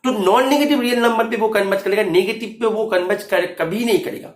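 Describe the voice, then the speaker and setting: A man's voice: high-pitched, fast talker, roomy sound. A man teaching math, explaining an exam solution step by step and often checking if students follow, mixing English terms into his Hindi.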